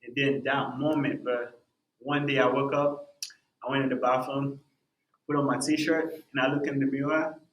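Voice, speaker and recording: A young man, a music artist guest on a casual podcast, tells his story animatedly, saying "bro" and "man" in nearly every sentence. His mid-range voice keeps a level tone at a moderate pace. The recording is muffled and echoes in a roomy space.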